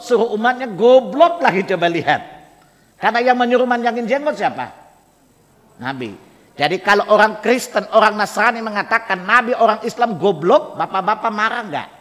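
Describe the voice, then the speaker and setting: A male preacher with a high, bright voice gives a mosque sermon, rhetorically provoking his audience with question after question. Long hall reverb fills the mosque recording.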